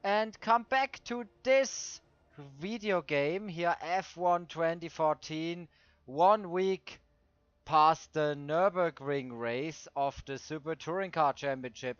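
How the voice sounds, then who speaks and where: High-voiced man with Swiss German accent, halting English. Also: a bit bright, smooth, no room sound. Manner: halting, searching for words in non-native English. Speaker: host of a racing game video series. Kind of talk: casual gameplay commentary. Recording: dull lo-fi dry microphone.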